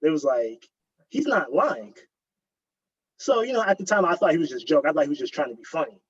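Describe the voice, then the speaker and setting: A man talks in a relaxed, rambling way, full of "like" and "um", as a guest. His voice is husky and breathy at the edges. The recording sounds dull and lo-fi. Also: on the high side, racing. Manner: relaxed, filler-heavy storytelling. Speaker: guest, graduate student. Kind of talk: casual storytelling.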